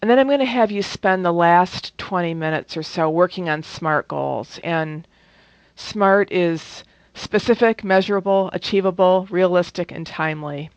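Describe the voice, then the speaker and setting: A woman's voice: lowish voice, normal speed, no echo. A woman presenting a training workshop in a conversational way, with many fillers and restarts. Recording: dull, dry lo-fi recording.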